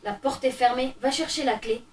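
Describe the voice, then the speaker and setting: A woman's voice: sits high, moderate pace, natural voice. A woman reading the part of a sarcastic, impatient thirteen-year-old girl babysitting younger kids in a stage play reading. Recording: roomy, distant mic, faint noise.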